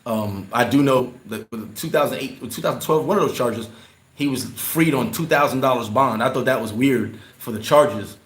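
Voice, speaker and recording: A man chatting casually on a livestream, reading and answering his viewers. He talks in a loose, rambling way, often restarting and repeating words. His mid-pitched voice carries a noticeable roomy echo. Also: normal speed, fairly bright tone. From New York. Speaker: livestream host answering chat.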